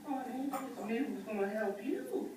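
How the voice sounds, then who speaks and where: Give this film matron a sassy, folksy scold. She is an older, bossy big-mama type whose pitch swings dramatically. The sound is a distant, very echoey playback. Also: very animated, normal speed, background noise. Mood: sweetly pushy.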